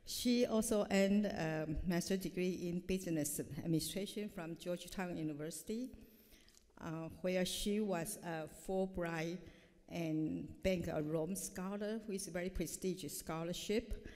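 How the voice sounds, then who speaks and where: At a podium mic in a large hall with long reverb, a middle-aged woman professor formally introduces a keynote speaker. Reading from notes, she hesitates often and fills gaps with "uh." Her voice is lowish and darkish in tone, and she speaks unhurriedly.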